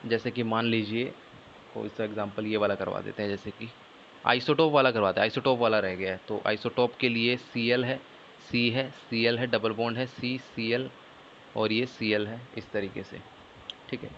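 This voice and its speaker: Hindi chemistry teacher asking students questions. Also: male voice, fairly low pitch, steady tone, normal speed, fairly bright tone, lo-fi sound, slight background noise. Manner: explains step by step, often asking students questions and answering himself; mixes English technical terms into Hindi. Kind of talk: online lecture.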